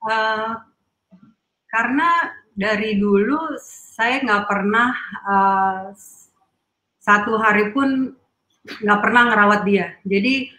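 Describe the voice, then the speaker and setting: Woman, halting interview answers, very slow, bright voice, echoey room. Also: mid-range voice. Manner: hesitant, halting, many fillers. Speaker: guest.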